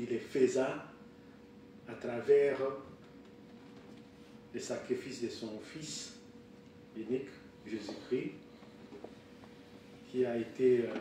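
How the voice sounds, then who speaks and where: Man in his sixties, sermon, halting with fillers, slow, echoey room from far off. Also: mid-range voice, warm tone, a little hiss or hum. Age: 60s. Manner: halting, with many fillers and restarts. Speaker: preacher. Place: church hall.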